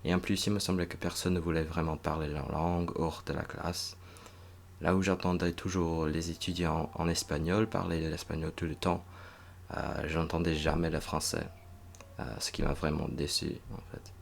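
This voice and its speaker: A young man from northern Virginia, a native English speaker, talking slowly and hesitantly in a reflective monologue, with many pauses and restarts. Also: extremely low pitch, little pitch movement, vocal fry, slight background noise. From United States (northern Virginia). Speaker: recent master's graduate vlogger.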